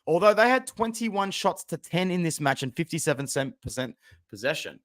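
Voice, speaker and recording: Excitable young man on stream. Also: a little high, normal speed. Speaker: football fan channel host. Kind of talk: casual live-stream commentary.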